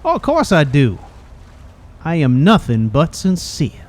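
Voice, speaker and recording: A man's voice: fairly high pitch, wildly swooping pitch, measured pace, darkish tone. A man voicing a cheeky, chatty old rusty robot in a game, with a folksy drawl and teasing manner. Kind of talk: video game character dialogue.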